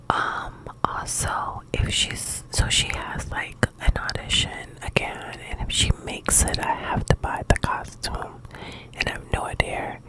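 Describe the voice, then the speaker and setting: Speaking barely above a breath, an ASMR video host lets her whispered words wander in hesitant, casual fragments, as if chatting privately late at night. She is a woman, and the recording is rough.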